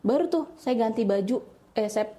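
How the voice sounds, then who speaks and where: A woman's voice: fairly high pitch, lively intonation, normal speed, dark tone. A young adult woman chatting casually while telling her personal story, filling her talk with small tags. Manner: chatty, many fillers like "gitu". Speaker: convert sharing her story.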